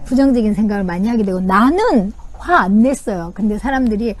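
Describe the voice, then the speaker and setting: A woman's voice: medium pitch, lively intonation, brisk. A woman parenting coach giving casual advice outdoors, speaking straight to the viewers as she explains. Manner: warm explaining, addresses viewers directly. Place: outdoors in nature.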